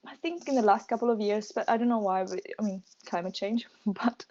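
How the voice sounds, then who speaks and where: A young woman from Tunisia, a medical student, chatting casually in an interview, laughing often and pausing with fillers. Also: mid-range voice, a little mellow, muffled recording.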